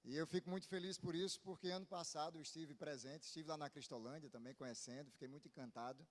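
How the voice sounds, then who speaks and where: A visiting Baptist pastor from Paraíba in northeastern Brazil preaches fast, his male voice a little higher than typical, with a northeastern Brazilian accent. He addresses the congregation informally from the pulpit, often adding short tag questions to invite a response, and the amplified sound carries the long reverb of a large hall.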